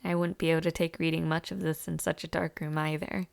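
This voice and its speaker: Here the same young woman voices a warm, shy, playful university student for intimate audio roleplay, still hesitant, giggly, and gently teasing. This time her voice is low and flat, she talks quickly with vocal fry, and the mood is fond and teasing.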